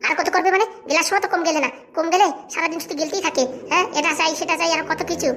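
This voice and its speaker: This is a shrill, scolding cartoon wife who nags without pause, played by a woman. Her voice sits high and her words race out very fast. She sounds sharp-tongued and bossy. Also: steady tone. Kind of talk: cartoon voice acting.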